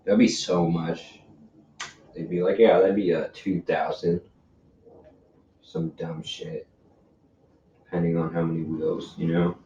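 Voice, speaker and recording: A young man talks loosely and profanely on a podcast in a very deep voice. He sounds set back from the mic in an echoey room, and the recording is muffled with a faint hiss underneath. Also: flat delivery, unhurried, pauses often, mellow. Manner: laid-back, swears a lot, slangy. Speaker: podcast co-host. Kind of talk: casual chat. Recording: roomy, distant, dull lo-fi mic with faint hiss.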